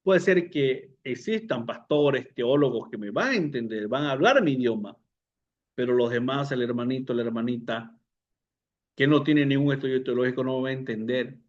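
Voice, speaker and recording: A man teaching a public speaking class to pastors, unhurried, often repeating words and putting questions to the listeners. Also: medium pitch, highs cut off. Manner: unhurried, repeats words, fillers, asks the audience. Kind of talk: lecture to pastors.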